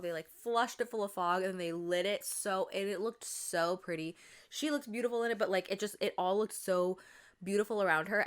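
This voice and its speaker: The podcast host's voice is mid-range, fairly bright, clear and resonant. This young woman chats and rambles casually with plenty of fillers and corrections, her voice slightly stuffy and weary.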